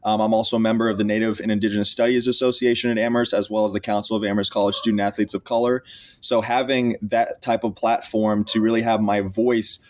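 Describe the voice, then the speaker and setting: A man's voice: on the low side, little pitch movement, fast, darkish tone. A young man in his twenties from Texas, a college athlete who is the guest on a podcast interview and tells his story earnestly, with frequent restarts. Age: 20s.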